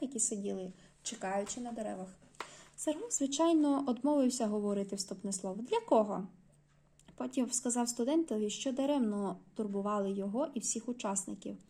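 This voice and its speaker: A woman reading literary prose aloud at an unhurried pace, lifting her voice for the dialogue. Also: a little high, dark tone. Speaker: audiobook reader.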